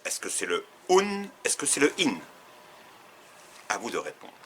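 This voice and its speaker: A man teaching, who reads out quiz questions to learners and slowly repeats each set of answer choices. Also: mid-range voice, huge pitch swings, a little hiss or hum. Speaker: Arabic teacher.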